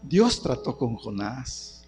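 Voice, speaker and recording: A man's voice: medium pitch, very animated, slow, darkish tone, in a large hall, faint music behind. A man preaching a sermon, calling on the congregation as brothers and repeating phrases for emphasis.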